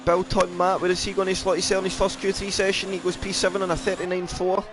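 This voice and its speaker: A man with a South African accent commentating an online racing league, calling out lap times in a brisk, chatty way. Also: high-pitched, completely flat delivery, noisy background. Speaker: race commentator.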